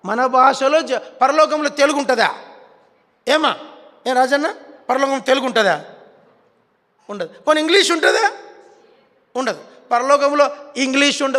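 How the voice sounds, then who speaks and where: A man's voice: extremely high pitch, fairly bright tone. A male preacher with a Telugu accent, preaching a sermon and coaxing the congregation to repeat words after him. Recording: long hall reverb.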